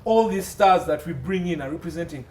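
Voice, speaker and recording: Here the guest, a Ugandan man consulting on entertainment law, speaks a little fast in a fairly high, expressive, somewhat mellow voice. He repeats phrases emphatically during the interview, picked up by a faraway mic over faint background noise.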